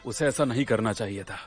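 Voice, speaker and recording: An actor playing a former guardian spirit who mocks and scolds, often dropping to a hushed voice. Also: male voice, mid-range voice, breathy edge. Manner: scolding and mocking, drops to hushed tones. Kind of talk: Hindi dub of a drama series.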